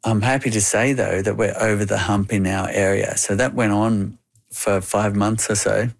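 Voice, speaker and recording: Creaky, even-toned Australian man. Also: on the low side, moderate pace. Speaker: interview guest, beekeeper. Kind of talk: explanatory interview talk.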